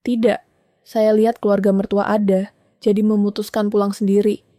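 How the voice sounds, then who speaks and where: A meek older mother answers softly and carefully, worn out, in a storybook reading, as a woman narrator reads her. Her voice is mellow and dark, recorded dry and close. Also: medium pitch, little pitch movement, normal speed, no echo, close to an everyday voice. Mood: weary. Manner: soft and careful.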